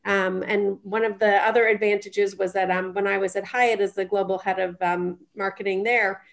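A woman's voice: mid-range voice, steady tone, normal speed, gravelly. Middle-aged woman, wry panelist. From Iran. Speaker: panelist, marketing executive. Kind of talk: panel introduction.

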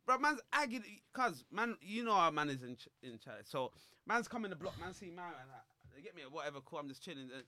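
Animated London roadman, high-pitched male voice. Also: quick pace, hardly any pauses, no room sound. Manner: animated, slangy, repetitive retelling with acted-out quotes. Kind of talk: casual street-slang storytelling.

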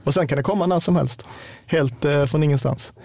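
A man with a Scanian Swedish accent, a football player chatting casually on a podcast and speaking in a relaxed, hesitant way with many fillers. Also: a little high, vocal fry, no echo.

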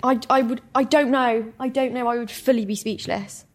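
A woman's voice: on the high side, fairly even intonation, normal speed. A woman, co-hosting a casual chat and exclaiming often as she cringes and giggles. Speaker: podcast co-host.

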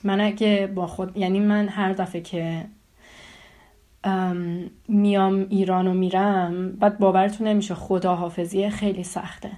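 A woman in her twenties from Iran, telling a personal story with frequent hesitations and pauses. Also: medium pitch, little pitch movement, warm tone. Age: 20s. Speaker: interviewee.

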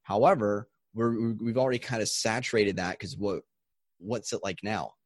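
A man's voice: fairly low pitch, fairly even intonation, moderate pace, no echo, clean studio sound. A man talking as a guest in an interview, explaining his ideas with enthusiasm and a few restarts. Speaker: audiobook coach and guest. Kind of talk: conversational interview.

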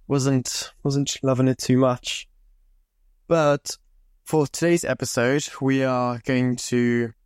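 A young Zimbabwean man hosts a podcast, telling stories in a loose, chatty monologue and swearing freely into a close mic. His voice is mid-range, and the recording is dry.

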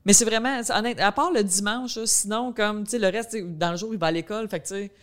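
A woman's voice: medium pitch, quick pace. A woman in her thirties with a rural Quebec French accent, a comedian chatting loosely as a podcast guest, full of fillers. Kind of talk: casual chat.

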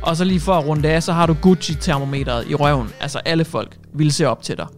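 A man's voice: a little high, faint music behind. A man hosting a radio show, delivering a cheeky, jokey news monologue and dropping English phrases into his talk.

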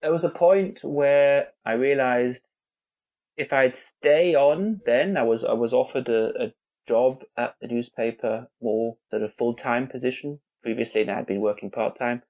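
A man's voice: mid-range voice, unhurried, narrow, tinny audio. A man in his forties from England, a guest on an interview podcast, talking with many restarts and fillers. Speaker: guest, newspaper visuals head. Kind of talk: conversational interview.

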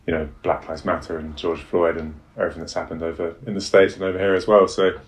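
A man's voice: low voice, flat delivery, quick pace. A man giving interview answers as a guest editor, thoughtful and hedging.

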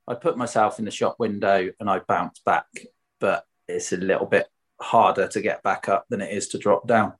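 A man's voice: lowish voice, fairly even intonation, moderate pace, husky. A man from Swindon with a Wiltshire accent, a former footballer telling stories in a casual interview, candid, colloquial and questioning himself. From Swindon, England. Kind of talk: casual anecdotal interview chat.

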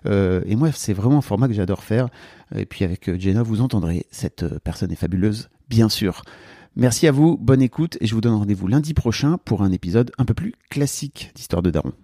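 Male podcast host, mellow tone, dry sound, playful and filler-heavy. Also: lowish voice, animated, brisk, no room sound. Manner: chatty, jokey, many fillers. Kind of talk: casual podcast chat.

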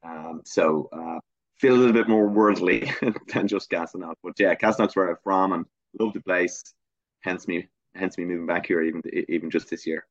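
A middle-aged Irish man with a Dublin accent, a guest filmmaker, answers interview questions reflectively but hesitantly, with lots of fillers and restarts. His voice is deep and moderately paced. The recording is dry, muffled and lo-fi.

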